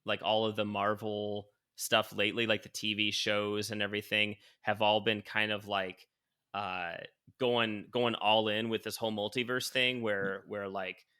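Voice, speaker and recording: Podcast guy rambling along, low-ish bright voice, tons of "like", swears a lot. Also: level tone, a little slow, clear, resonant tone. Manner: rambling, filler-heavy, swears freely. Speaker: podcast co-host. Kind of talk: casual chat.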